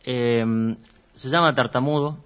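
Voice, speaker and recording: A man's voice: medium pitch, steady tone, slow, a bit bright, clean tone. A man, a musician guest chatting casually and rambling a little on a radio show. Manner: rambling, chatty, self-deprecating. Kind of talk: casual radio interview chat.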